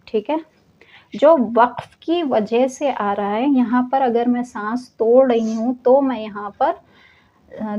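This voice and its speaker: A woman's voice: on the high side, warm tone, muffled recording. A woman teaching Quran recitation rules in a class, explaining patiently and drawing out the recited words. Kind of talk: online tajweed class explanation.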